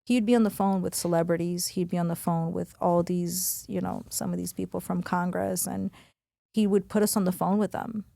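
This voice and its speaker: A woman from New York, a podcast guest talking quickly and candidly, full of "like" and "you know", acting out remembered lines. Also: lowish voice, steady tone, gravelly, dark tone, dry recording. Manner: rapid, full of "like" and "you know", re-enacts quotes. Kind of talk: candid conversational interview.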